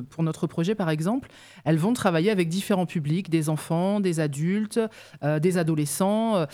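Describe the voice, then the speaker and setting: Appearing as a guest on local radio, a youth mobility officer talks through her work in an interview. Her voice is lowish and a little mellow, and she explains at length, hesitating often.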